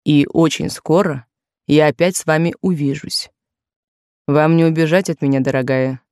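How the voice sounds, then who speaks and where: A woman's voice: sits low, steady tone, moderate pace, darkish tone, no room sound, studio quality, close to an everyday voice. A woman doing an insistent, possessive male suitor.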